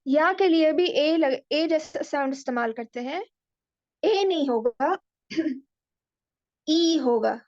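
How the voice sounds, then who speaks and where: A woman explains recitation rules at an unhurried, deliberate pace, stopping to sound out each letter. Her voice sits high and light. The recording is dry and a little muffled. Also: a little mellow, dry recording. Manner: patient, deliberate, demonstrating letter sounds aloud. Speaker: Quran recitation teacher. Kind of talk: slow explanatory lesson mixing Hindi-Urdu and English.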